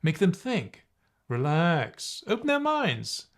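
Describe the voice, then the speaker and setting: A man coaching viewers on speaking expressively, teaching in a playful, animated way and demonstrating vocal exercises. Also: a little high, slow pace. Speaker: presentation coach.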